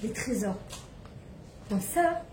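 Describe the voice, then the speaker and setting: A woman's voice: a little high, expressive, slow, echoey room, noisy background. A woman giving an impassioned spiritual talk to a gathering of women in a home, asking rhetorical questions as she goes. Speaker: religious women's teacher. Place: private home.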